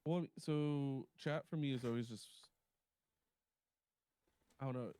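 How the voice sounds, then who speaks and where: A man, a DJ guest, talking in a relaxed, hesitant way with many ums. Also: medium pitch, slow pace, clear, resonant tone. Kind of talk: casual chat.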